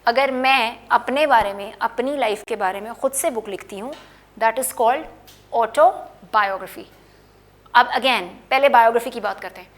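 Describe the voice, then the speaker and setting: A woman's voice: on the high side, unhurried. A middle-aged woman teaching English pronunciation, patiently repeating and explaining words in a mix of Hindi and English. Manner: patient, explains words by writing and repeating them, with frequent "okay".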